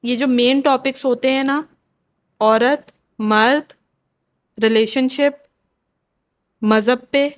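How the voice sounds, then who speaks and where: Podcast guest: young adult woman, high-pitched, frank and opinionated, casual. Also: steady tone, pauses often. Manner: opinionated, mixes in English words. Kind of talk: casual chat.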